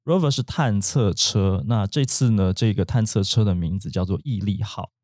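A man's voice: lowish voice, moderate pace, no echo, studio quality. A man hosting a casual podcast, steadily prompting his co-host and guiding the segment. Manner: steady backchanneling, guides the segment.

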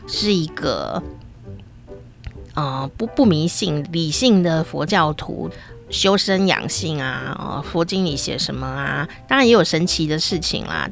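A woman's voice: fairly low pitch, creaky. A middle-aged woman telling a comic personal story in a chatty, playful way, with many sentence-final particles. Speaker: storyteller host.

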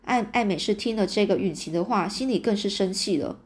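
A woman's voice: mid-range voice, a little fast. A woman reading a fantasy novel aloud in a casual, chatty way, sprinkling in little fillers. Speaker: audiobook reader.

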